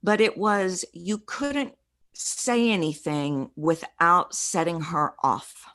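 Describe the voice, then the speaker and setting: A middle-aged woman, a voice coach, telling a personal story in an interview in an earnest, reflective way with halting restarts. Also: lowish voice, fairly bright tone. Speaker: podcast guest, voice coach.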